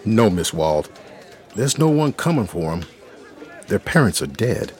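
A stolid, courteous police captain in a period drama. He talks plainly and folksily in a fairly low voice with lively pitch. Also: unhurried. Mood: matter-of-fact, regretful.

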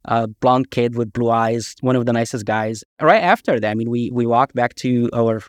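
A man from Egypt, a guest author telling emphatic, animated anecdotes in a casual interview. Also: mid-range voice, moderate pace, no echo, clean studio sound. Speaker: guest, author and army veteran.

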